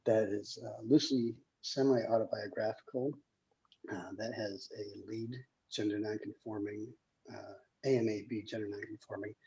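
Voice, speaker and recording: A screenwriter who hosts table reads chats casually in a hesitant, rambling way. His husky, gravelly voice sits at medium pitch with a warm tone, heard over a dull call recording.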